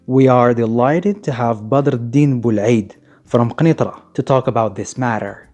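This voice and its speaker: A man's voice: mid-range voice, measured pace, a little mellow, soft background music. A man with a Moroccan accent hosting a radio talk show, speaking as a scripted presenter.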